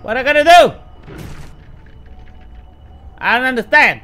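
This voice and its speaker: Extremely high and expressive, this man's voice sounds pushed and bright, yet he doesn't rush. He's in his thirties, streaming a casual let's play from home in a put-on Texas drawl, cursing freely, chatting to viewers, and erupting in frustration over the game music.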